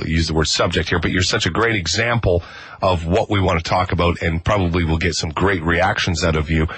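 A man hosting a morning radio interview, his voice fairly low and a little husky. He talks in a loose, rambling way, full of fillers and restarts. It is a close studio mic. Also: a bit bright, no room sound. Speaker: radio morning show host. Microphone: studio microphone.

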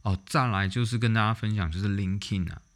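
Low-voiced man telling stories casually. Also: fast. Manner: animated, blunt, with mild swearing. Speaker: vlog host. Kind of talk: casual storytelling monologue.

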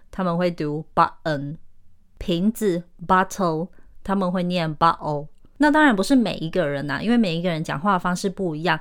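Woman English teacher, lowish pitch, smooth and clear, careful podcast lesson delivery. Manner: clear explanatory, switching into careful English examples.

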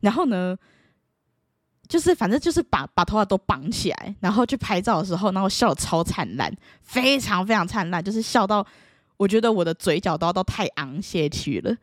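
A young woman, telling a personal story to camera in a playful, animated way that leaps into high excited exclamations. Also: a little fast, dry recording, clean studio sound. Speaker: vlogger.

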